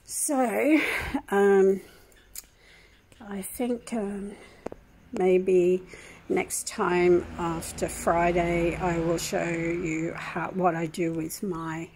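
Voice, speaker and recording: An older woman talks casually in her kitchen, rambling through an aggrieved personal story with plenty of ums. Her voice sits a bit low, and a faint hum of room noise sits behind her. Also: level tone, extremely slow, darkish tone, rough recording. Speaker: vlogger. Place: home kitchen.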